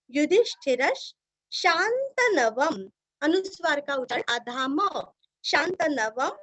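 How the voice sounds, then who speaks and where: A woman's voice: sits high, fairly bright tone, no echo. A woman with a Marathi accent, teaching Sanskrit recitation, carefully drilling each syllable and chanting verses for students to repeat.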